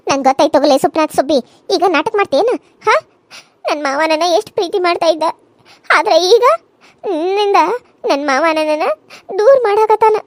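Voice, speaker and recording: Heated young cartoon wives. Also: female voice, very high-pitched, darkish tone, no room sound. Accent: North Karnataka Kannada. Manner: heated, accusing, emotional. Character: quarrelling young wives in a joint household. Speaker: voice actor. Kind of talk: cartoon serial voice acting.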